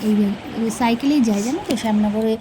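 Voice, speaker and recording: A woman's voice: on the high side, fairly quick, noisy background. A woman, chatting homely and straight to her viewers while filming around her home on a handheld phone. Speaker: vlogger and homemaker. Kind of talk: casual vlog narration to viewers. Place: home, indoors.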